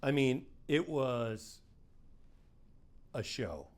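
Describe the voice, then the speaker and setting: A man's voice: medium pitch, very animated, extremely slow. A middle-aged man, a private investigator, telling one of his cases in a casual, conversational first-person way. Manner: conversational, quotes people in his story, plain-spoken. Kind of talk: first-person case storytelling.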